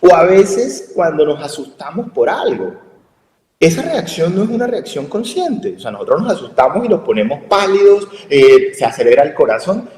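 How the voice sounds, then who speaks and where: A man with a Colombian Spanish accent explains things to listeners in a lively, fairly high voice that swings up and down a lot. He keeps asking rhetorical questions, and his voice rings out in an echoey room with a long reverb tail. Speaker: health communication speaker. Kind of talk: radio talk explaining to listeners.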